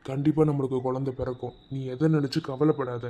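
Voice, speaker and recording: A man's voice: medium pitch, little pitch movement, brisk, warm tone, lightly acted. A man voicing an easygoing, joking village husband in a cartoon, speaking with a Madurai Tamil accent in a coaxing, talkative way. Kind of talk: cartoon voice acting.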